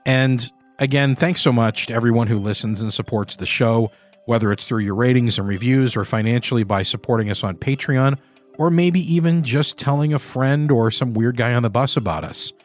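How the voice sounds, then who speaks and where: A man's voice: mid-range voice, normal speed. Male podcast host over music. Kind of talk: scripted podcast hosting.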